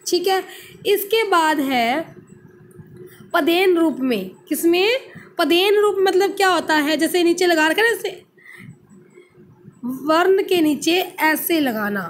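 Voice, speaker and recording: Slow high-voiced Indian woman teaching. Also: lively intonation. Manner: patient, asks the class questions and answers them herself; sounds out letters slowly and repeats words. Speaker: school teacher. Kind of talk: online class lesson for young children.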